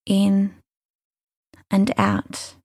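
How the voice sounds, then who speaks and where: A woman guides a mindfulness meditation at a very slow pace. Her voice is soft and soothing, with a gravelly fry and breathy phrase endings. The sound is dry and close, and each gentle instruction is given room. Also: medium pitch, sing-song, no echo. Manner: soothing, unhurried, gentle instruction with long pauses.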